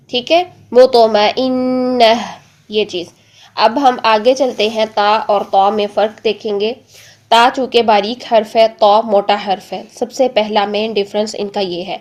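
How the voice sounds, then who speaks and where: A woman teaching Quran recitation, explaining calmly and repeating letter sounds again and again for practice. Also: on the high side. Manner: explains slowly, drills letter sounds with many repetitions; stretches demonstration words very slowly. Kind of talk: tajweed lesson.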